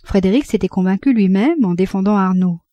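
A woman narrating a literary audiobook in a measured, expressive reading. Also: medium pitch, no echo. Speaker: audiobook reader.

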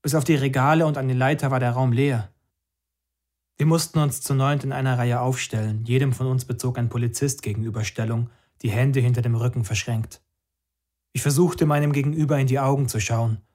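A man reading a scripted first-person narration in a calm, measured, somber way. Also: mid-range voice.

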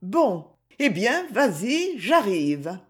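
A man's voice: sits high, sing-song, very slow, fairly bright tone, voice pushed up, full character voice. A man doing a fussing older woman friend. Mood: concerned. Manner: concerned, coaxing questions.

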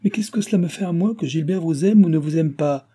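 A man's voice: fairly high pitch, fast, mellow, husky, voice pushed up. A man voicing a proud, disdainful young noblewoman in an audiobook reading. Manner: imperious, disdainful. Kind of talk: audiobook character voice.

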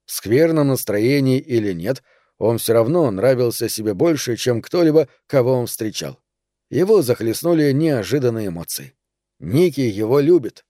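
Man, scripted novel narration, warm dark tone, dry close recording. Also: medium pitch, lively intonation, normal speed, no room sound. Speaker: audiobook narrator.

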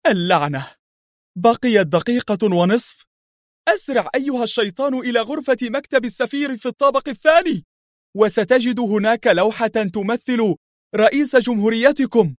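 A man voicing a panicked male enemy impostor agent who shouts frantically. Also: high voice, a little fast, no echo, clean studio sound, close to an everyday voice. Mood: frantic.

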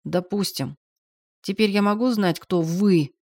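A woman's voice: medium pitch, slow, a little mellow, dry recording, studio quality. A woman doing a cold, sneering armed man. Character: menacing armed man, mocking and curt.

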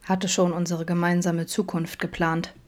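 A woman voicing Vincent, a grown man who chats openly and teases his friends, read in her own fairly low voice. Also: level tone, normal speed, natural voice. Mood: wistful. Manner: chatty, teasing. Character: adult man, camp cook, open and teasing.

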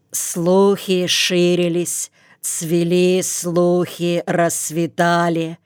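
Audiobook narrator, woman: low, flat delivery, very clear voice. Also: no room sound, clean studio sound. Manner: slow, even storytelling. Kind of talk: scripted narration.

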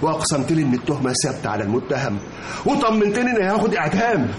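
A man's voice: a little high, animated, racing, lightly acted. An actor playing a grieving older father of a murdered son, accusing and sarcastic, with an Egyptian accent. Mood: bitter accusing. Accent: Egyptian Arabic. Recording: echoey old radio drama with hiss.

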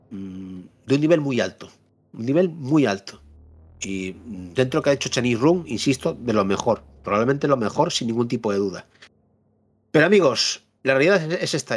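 Man giving a rambling game review. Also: mid-range voice. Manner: repeats himself for emphasis, frequent fillers and tag questions. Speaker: podcast host reviewing a video game. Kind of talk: casual spoken review.

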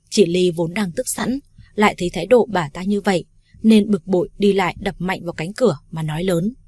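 A woman reading a first-person romance story aloud in a steady, plain manner. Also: lowish voice, breathy edge, no echo. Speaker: story reader. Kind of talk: first-person audiobook narration.

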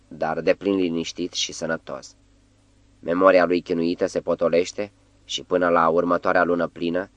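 Deep-voiced male audiobook narrator. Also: no echo. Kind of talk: scripted literary narration.

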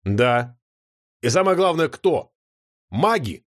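A man's voice: mid-range voice, very animated, slow pace. A man voicing a worried, earnest dragon father with a gloomy manner.

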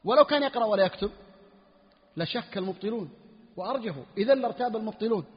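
A quick, high-pitched male sheikh with a husky voice teaches a jurisprudence lesson, repeating each point slowly and posing questions to himself. The lo-fi recording rings with long hall reverb. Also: expressive. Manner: repeats key phrases slowly for emphasis, asks and answers himself. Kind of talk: classical Arabic fiqh lesson.

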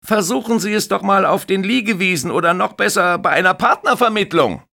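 Max, frecher junger Bademeister. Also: male voice, high-pitched, animated, a little fast, vocal fry, voice pushed up, exaggerated voice. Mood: shouting. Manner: loud, mocking, shouting over noise. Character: young male lifeguard, cocky and teasing.

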